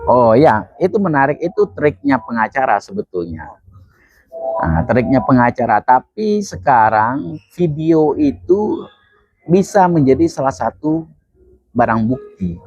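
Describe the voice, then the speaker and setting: A man's voice: medium pitch, very animated, measured pace, darkish tone, dry recording, soft background music. Male legal expert, emphatic explainer in an interview, dry and slightly muffled lo-fi sound. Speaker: criminal law expert. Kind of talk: interview answers explaining law.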